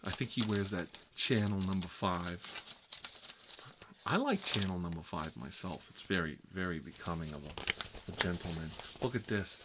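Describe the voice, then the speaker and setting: In an improvised comedic ASMR roleplay, a man plays a fussy, gossipy bachelor uncle who rambles and confides in a prissy, halting manner. His low voice is expressive and his mood chatty and wistful, but the recording is very noisy.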